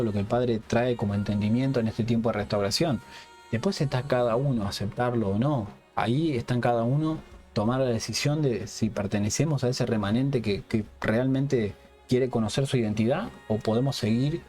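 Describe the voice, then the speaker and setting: Delivering an unscripted Bible lesson for a Hebrew-roots ministry, a man speaks in a medium-pitched, slightly mellow voice. Nearly every phrase ends with a questioning "yes?", and he often restarts words.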